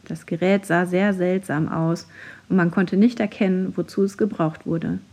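Breathy woman reading a children's story. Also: on the low side, steady tone, moderate pace, darkish tone.

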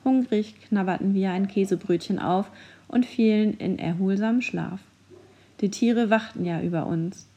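A woman narrates a children's adventure story as an audiobook. Her delivery is clear and suited to storytelling. Her voice sits at a middle pitch and sounds mellow and warm. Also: moderate pace, highs cut off.

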